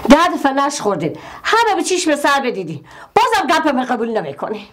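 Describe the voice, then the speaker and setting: A woman's voice: sits high, sing-song, fairly bright tone. An actress playing a superstitious, nagging older woman of the family who scolds and lectures in a sitcom. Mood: scolding. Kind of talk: sitcom acting.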